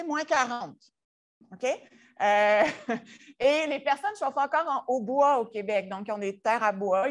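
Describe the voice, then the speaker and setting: A woman from Quebec with a Québécois accent, a school innovation director giving a conference presentation in a chatty, joking way. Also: fairly high pitch. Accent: Québécois French. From Quebec, Canada. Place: presentation room.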